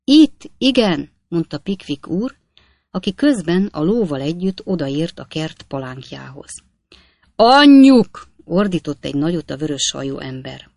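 A woman reads a classic novel aloud in a calm, even storytelling manner. Her voice is low and the recording is close and dry, with no room sound. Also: vocal fry, no room sound. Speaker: audiobook narrator. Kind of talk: scripted narration.

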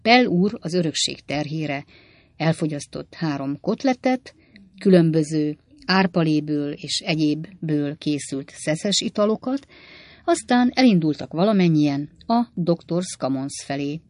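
A woman reading a novel aloud in steady, measured scripted narration. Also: low voice, dry recording. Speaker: audiobook narrator.

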